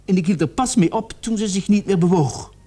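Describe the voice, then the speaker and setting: An actor in a radio play portrays a distraught young man, his voice sitting high and mellow. Anguished and desperate, he confesses haltingly and repeats his words in agitation.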